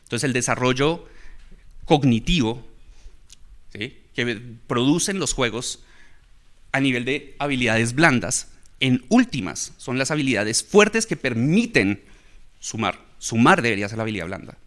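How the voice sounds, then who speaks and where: A man's voice: medium pitch, animated, a little slow, fairly bright tone. Explaining man who keeps asking "¿sí?". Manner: explanatory, often checks in with "¿sí?". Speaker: guest speaker on education. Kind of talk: conversational talk.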